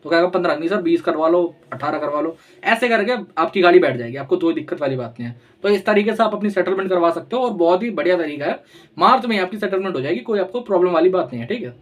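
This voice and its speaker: A young man with a high voice and a chatty, coaxing delivery, talking straight to his viewers like a friend giving advice. He slips into little acted-out phone calls as he explains, keeping it casual and easygoing throughout. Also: animated, quick pace. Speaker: loan settlement advisor.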